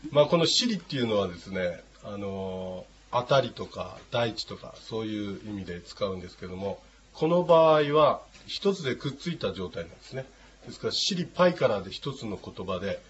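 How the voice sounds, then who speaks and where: A man teaching a language class, patient and unhurried, with many hesitating fillers. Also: fairly low pitch, sing-song. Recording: dull lo-fi with faint noise.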